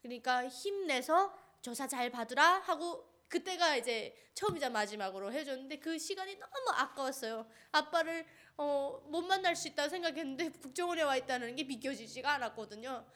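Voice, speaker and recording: A woman's voice: high voice, lively intonation, fairly quick, fairly bright tone. A woman from North Korea giving an earnest personal testimony, telling her story vividly with many fillers.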